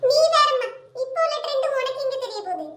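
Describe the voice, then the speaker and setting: A woman voicing a bossy, quick-tempered young wife who nags and scolds in a comedy skit. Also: extremely high pitch, heavy background noise. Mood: chatty. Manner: scolding, complaining. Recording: roomy echo.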